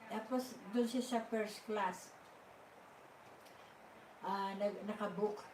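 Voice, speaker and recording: An older woman hosting a live stream, telling a story casually and haltingly, with many fillers and restarts. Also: mid-range voice, steady tone, noisy background. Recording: echoey room, mic at a distance.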